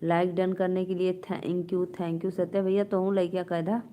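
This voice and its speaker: A woman's voice: on the low side, little pitch movement, a little slow, dark tone. A woman with an Awadhi accent hosting a casual live stream from a phone, reading out viewer comments and bantering playfully with them.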